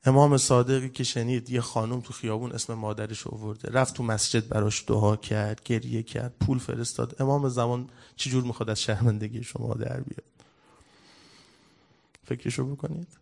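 A man preaching at a religious gathering, retelling a story with fervent emotion, his voice rising and swelling in the dramatic scenes, and often clearing his throat. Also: medium pitch, steady tone, a little mellow.

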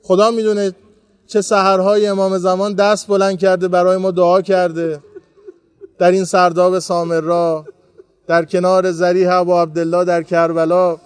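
A man with a high voice gives a devotional talk to pilgrims at a shrine. He tells his stories earnestly and from the heart, and the sound is close and dry, with little room echo. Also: monotone, clean tone. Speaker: pilgrimage preacher.

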